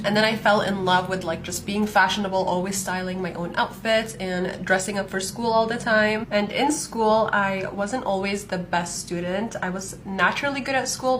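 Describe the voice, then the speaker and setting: A chatty young woman in her mid-twenties tells her life story while doing her makeup at home, her voice sitting at a middle pitch. She talks casually with lots of fillers, and a faint hiss sits under the recording. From Palestinian, born in Saudi Arabia, raised in Canada. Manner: chatty, frequent "like" fillers, light laughs. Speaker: fashion content creator. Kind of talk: casual get-ready-with-me storytelling.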